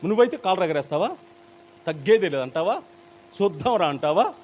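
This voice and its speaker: Man, pastor, Telugu accent, sermon, rather high voice, swinging pitch, faint background hiss. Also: brisk, highs cut off. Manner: animated, dramatic, acts out quoted people. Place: church hall, live stream.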